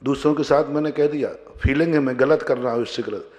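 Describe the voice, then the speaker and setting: A man preaching as a Jain monk, his voice at a middle pitch carrying a long echo through a large hall. He throws question after question at his listeners, rising to loud, emphatic peaks and then sinking to quiet, low passages. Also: a little fast. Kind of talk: sermon.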